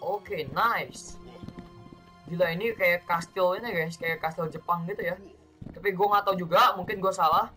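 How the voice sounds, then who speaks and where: High, bright-voiced excitable gamer man. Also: moderate pace, faint music behind. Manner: excitable, bursts into loud exclamations; chatty, keeps addressing viewers as guys. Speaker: gaming YouTuber. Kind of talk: let's play commentary.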